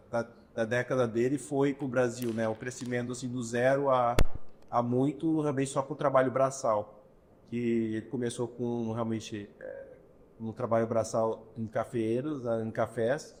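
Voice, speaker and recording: Unhurried storytelling Brazilian man. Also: mid-range voice, fairly even intonation, a little mellow, slight background noise. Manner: unhurried storyteller, pauses often to find words. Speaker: guest, restaurant entrepreneur. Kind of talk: casual interview talk.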